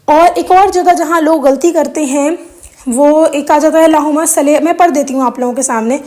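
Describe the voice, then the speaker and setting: Speaking to her viewers in a high voice with a darkish tone, a woman whose first language is Urdu earnestly covers the right way to recite prayers. The religious video host keeps it casual, offering examples and working in English phrases.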